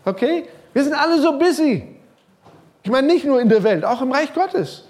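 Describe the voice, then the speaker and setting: German pastor with a lively sermon voice. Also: male voice, moderate pace. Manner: lively preaching, pitch rising and sinking, some quiet passages; casual, direct address with English loanwords.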